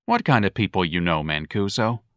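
A man voicing an irritable, bullying police sergeant who shouts at a subordinate, in a read-aloud story. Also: low voice, big pitch swings, a little fast, no room sound, studio quality. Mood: gruff. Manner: gruff, shouting.

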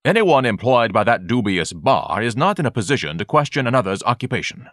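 A man's voice: mid-range voice, very animated, a little fast, fairly bright tone, no echo, studio quality. A man playing a pompous, haughty vendor. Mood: icy. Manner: grandiloquent, lofty and disdainful. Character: pompous fat male hot-dog vendor, haughty and fussy.

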